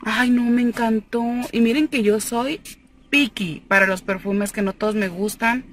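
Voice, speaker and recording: Filmed on a phone at arm's length inside a parked car, a young Mexican cosmetics seller and vlogger unboxes products, chatty and enthusiastic with frequent laughter. Her voice runs on the high side at a measured pace.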